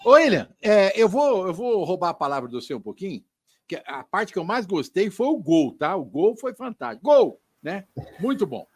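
A man's voice: high-pitched, big pitch swings, a little fast, breathy edge, dry recording, clean studio sound. A man co-hosting a religious talk program, friendly and teasing, then reading a passage aloud. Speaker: co-host. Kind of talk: casual religious talk show.

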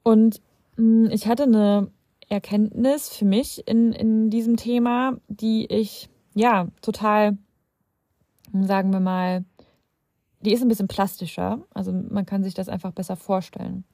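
A woman's voice: medium pitch, fairly even intonation, unhurried, warm tone, no room sound, clean studio sound. A young adult woman hosting a self-help podcast, talking straight to the listener in a reflective, conversational way with some hesitant restarts. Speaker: podcast host.

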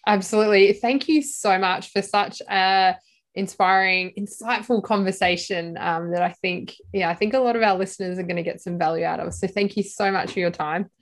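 A woman's voice: medium pitch, fairly quick. A woman hosting a podcast interview, enthusiastic and affirming, later reading a closing outro. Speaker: podcast host.

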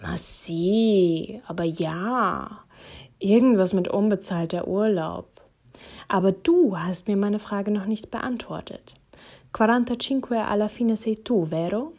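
A woman's voice: medium pitch, slow pace, a little mellow. A woman voicing a vain, stubborn middle-aged Roman husband who drops Italian phrases and bursts out dramatically. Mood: casual.

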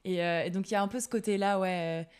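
A woman's voice: mid-range voice, fairly even intonation, fast talker, darkish tone, clean tone. A woman in her twenties, a podcast guest who speaks hesitantly, with many fillers and restarts. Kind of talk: casual podcast chat.

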